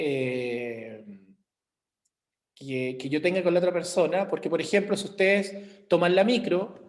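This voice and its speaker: A man's voice: high voice, a little mellow. A man with a Chilean accent teaching an online class, explaining with everyday examples and checking in with his students. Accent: Chilean Spanish. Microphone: computer mic on a video call.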